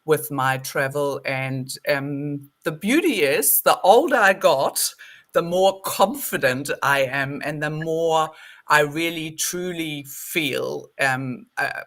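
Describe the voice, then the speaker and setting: A woman's voice: sits low, fairly bright tone. A woman in her sixties with a German accent, a podcast guest telling her story in a reflective, earnest way. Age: 60s. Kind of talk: casual interview chat.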